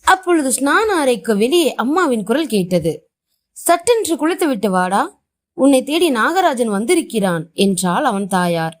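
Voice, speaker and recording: A woman reading translated short stories aloud as a storyteller, voicing the dialogue expressively. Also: a little high.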